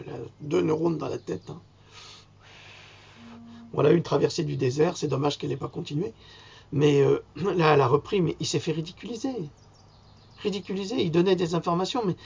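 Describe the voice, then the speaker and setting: A man's voice: a little high, gravelly, darkish tone, husky. A man ranting indignantly in an improvised vlog, rambling from point to point with sudden mocking outbursts. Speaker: vlogger. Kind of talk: improvised angry rant to camera. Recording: dull lo-fi sound.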